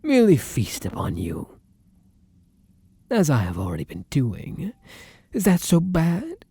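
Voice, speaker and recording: Now hungry, menacing and seductive, the man voicing a courtly but starving vampire lover speaks to the listener in an ASMR roleplay as the kind character turns predatory. His mellow voice is on the high side with huge pitch swings, breathy and frequently falling to a whisper, and the performance is heavily acted. The dry recording carries his formal, archaic, endearment-filled speech, delivered deliberately with dramatic pauses.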